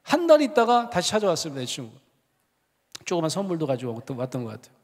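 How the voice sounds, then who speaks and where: A man's voice: on the high side, huge pitch swings, fast talker, a little mellow. A middle-aged man preaching a storytelling sermon, animatedly acting out both sides of a conversation. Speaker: seminary dean preaching. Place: church sanctuary. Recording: long church hall reverb.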